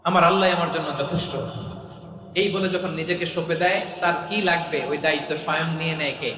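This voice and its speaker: A man preaching an impassioned sermon on a public address microphone at a huge open-air gathering, chanting Arabic verses in a drawn-out melody and calling on the crowd to answer back. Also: a little high, steady tone. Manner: swings between hushed and shouted delivery. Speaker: Islamic preacher. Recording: echoey loudspeakers with large crowd.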